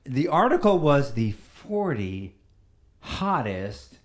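A man's voice: mid-range voice, slow pace. A man hosting a podcast, chatting casually and cracking jokes with his co-hosts. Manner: joking, animated banter. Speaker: podcast host. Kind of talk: casual chat.

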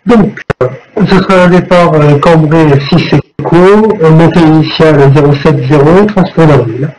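A man speaking as an airline pilot over a headset radio, requesting and reading back a clearance. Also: a little high, unhurried, darkish tone. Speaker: airline pilot in online flight simulation. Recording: faintly noisy radio transmission.

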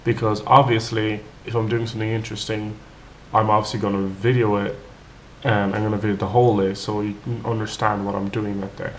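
A man, hoarse and raspy from tonsillitis, talking casually to his viewers in a vlog, rambling with lots of fillers. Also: lowish voice, flat delivery, a little fast, a little hiss or hum. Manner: rambling, many fillers and restarts. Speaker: vlogger.

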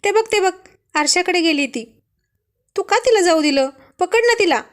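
A woman's voice: high voice, steady tone, normal speed, close to an everyday voice. A woman voicing a fussy, stubborn young wife who is scared of a lizard, talking in squealing, petulant complaints. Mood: shrieking, disgusted.

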